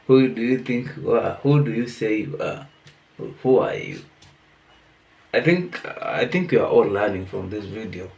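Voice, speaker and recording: Gravelly earnest man musing to viewers. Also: mid-range voice. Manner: earnest, motivational, many restarts. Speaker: channel host commenting. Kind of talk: casual reflective monologue.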